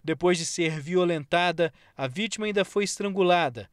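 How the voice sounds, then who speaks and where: Um repórter de televisão com sotaque brasileiro narrando uma matéria de forma pausada e formal. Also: male voice, sits high, clear, resonant tone, no room sound. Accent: Brazilian. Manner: measured, formal. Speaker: TV news reporter. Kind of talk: scripted news narration.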